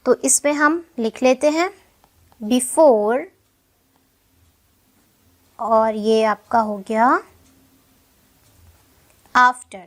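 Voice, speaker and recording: A young woman teaching a shorthand lesson step by step, patiently asking questions and answering them herself. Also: on the high side. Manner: slow, patient, checks in with "ठीक है" often.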